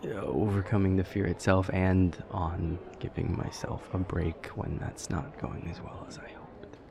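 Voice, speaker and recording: In this intimate roleplay audio, a deep, gravelly male voice plays an affectionate but anxious vampire boyfriend, exaggerated and expressive at a measured pace. Sheepish and embarrassed, the self-deprecating immortal stammers, rambles, and frequently drops to a murmur as background noise carries on.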